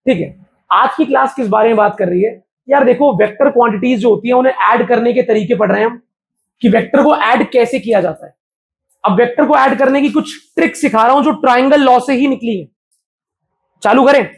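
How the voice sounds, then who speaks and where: A man's voice: very high-pitched, fairly quick, creaky. A man teaching a physics class live to students, talking casually and often throwing questions at the class. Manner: chatty, keeps quizzing the class.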